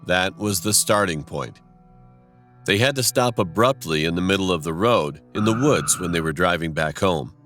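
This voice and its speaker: A man reading a childhood horror story in a plain, measured way over music. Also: low-pitched, animated, a bit bright. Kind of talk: scripted horror narration.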